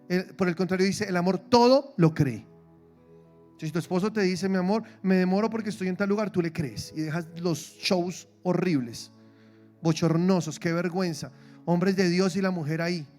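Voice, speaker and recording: Pastor de voz aguda y animada. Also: male voice, high-pitched. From Colombia. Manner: lively, humorous, acts out quoted voices. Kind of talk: sermon. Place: church.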